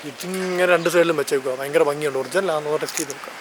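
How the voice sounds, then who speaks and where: Chatty Malayali man, brisk outdoor walk. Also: on the high side, background noise. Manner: chatty, enthusiastic, thinks aloud and corrects himself. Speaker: travel vlogger. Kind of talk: casual walking vlog narration. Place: outdoors walking through a seaside town and park. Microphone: handheld camera while walking.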